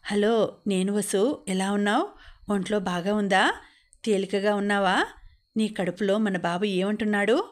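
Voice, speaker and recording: A woman's voice: mid-range voice, fairly even intonation, lightly acted. A woman reading the part of an affectionate, teasing man talking on the phone, in an audiobook. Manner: teasing, quick and fond. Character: man, playful affectionate husband-to-be.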